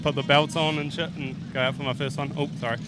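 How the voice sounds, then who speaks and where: A man's voice: on the high side, flat delivery, fast talker, background noise. A man, a debutant driver giving modest, plain-spoken answers in a casual interview.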